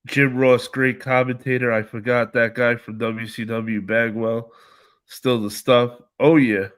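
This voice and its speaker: A man hosts a casual live stream, reading out viewer comments and answering each one in loose, slangy talk. He speaks at an unhurried, drawn-out pace. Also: medium pitch, level tone, clean tone. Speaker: livestream host reading chat.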